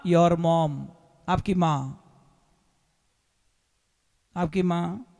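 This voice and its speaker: High-voiced preacher telling stories. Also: male voice, vocal fry. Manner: animated storyteller, switching into character voices. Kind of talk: devotional sermon storytelling. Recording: long hall reverb.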